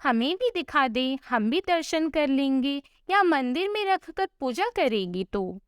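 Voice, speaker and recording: A woman's voice: high voice, sing-song, a little slow, no echo, studio quality. A woman voicing a bossy, sarcastic older mother-in-law who scolds the household in a storybook tale.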